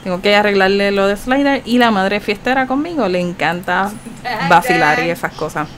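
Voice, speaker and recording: A woman giving casual, chatty commentary over her gameplay, reacting with animated exclamations. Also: mid-range voice, normal speed, a crowd in the background. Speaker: gaming channel host.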